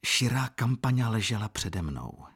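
A man voicing a pale, weary, melancholy young man who speaks quietly and broodingly, with a husky low voice. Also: very animated, exaggerated voice. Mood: wistful.

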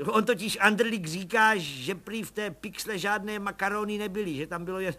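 A man voicing a humble, chatty little police agent who talks in eager, deferential, high-pitched bursts. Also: bright, forceful tone. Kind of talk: audiobook character voice.

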